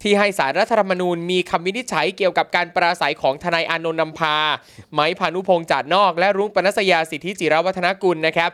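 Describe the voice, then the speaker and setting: High-pitched, fast male co-host. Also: fairly bright tone, clear, resonant tone. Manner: frequent backchannel, mocking asides, reads news items. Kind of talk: casual political talk show chat.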